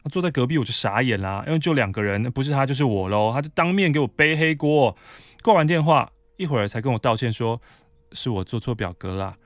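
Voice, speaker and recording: A man's voice: mid-range voice, animated, fast talker, no room sound. A man from Taiwan hosts a podcast and reads a listener's letter aloud, adding short asides as he goes. His voice sits in a mid range for a man. The recording is dry and close, with no room sound. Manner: conversational reading with brief asides. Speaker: podcast host.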